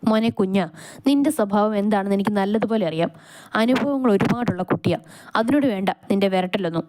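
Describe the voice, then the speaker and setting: A woman voicing a calm older brother who teases and soothes in a gently mocking way. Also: medium pitch, fast, background noise, lightly acted. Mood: teasing.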